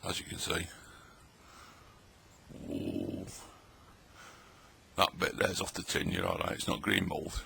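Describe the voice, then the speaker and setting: A man's voice: low-pitched, big pitch swings, slow, creaky, long pauses, pushed and bright, a little hiss or hum. A middle-aged man, chatting and joking in a rambling way while tasting old tinned food at his table late at night. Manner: chatty, rambling, jokey, talks while eating. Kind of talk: casual late-night vlog talk.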